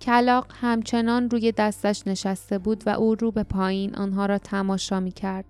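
A woman narrating an audiobook in a calm, measured storytelling manner. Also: mid-range voice, clear, resonant tone, soft background music. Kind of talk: scripted narration.

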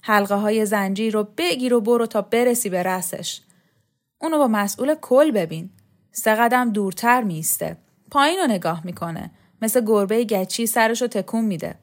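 A woman's voice: mid-range voice, expressive, close to an everyday voice. Woman reading a sardonic young man, lecturing, storybook. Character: restless young man, bitter and warning.

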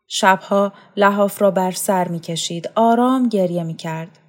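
Calm woman narrating a story. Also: mid-range voice. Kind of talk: storytelling reading. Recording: faint music underneath.

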